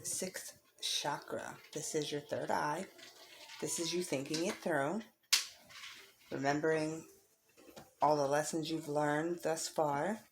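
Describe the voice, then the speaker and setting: Speaking slowly in a deep, steady voice, this tarot reader pauses often while slight noise sits in the background. Addressing the viewer, she reads the cards casually, reassuring and encouraging, and repeats phrases to stress them.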